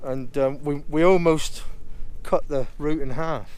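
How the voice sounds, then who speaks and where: A man's voice: a little high, unhurried, a little mellow, clean tone, faint music behind. A man, chatting informally as he films a casual outdoor hiking vlog. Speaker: vlogger, father. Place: outdoors on a country walk.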